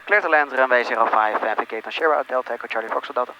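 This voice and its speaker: A male pilot giving calm, procedural commentary on his flight over a cockpit headset, talking casually and making radio readbacks. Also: mid-range voice, very fast, lo-fi sound. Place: small aircraft cockpit in flight. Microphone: aviation headset. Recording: cockpit headset audio with engine noise.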